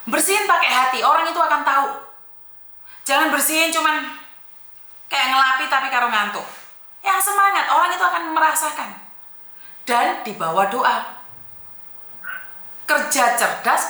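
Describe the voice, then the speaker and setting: Woman, scolding advice host, bright tone, echoey room. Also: high voice. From Indonesia. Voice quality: scolding, firm, mixes in Javanese words. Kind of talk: blunt call-in advice.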